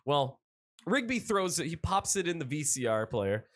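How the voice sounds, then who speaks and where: Rambling, excitable man recapping a cartoon. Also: on the high side, normal speed. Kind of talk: casual chat.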